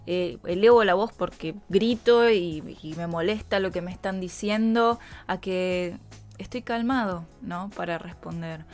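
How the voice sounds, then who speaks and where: Argentine woman, voice coach, lower-pitched voice, conversational solo podcast, soft music underneath. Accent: Argentine Spanish. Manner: conversational, frequent tag questions to listeners. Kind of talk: reflective solo podcast talk.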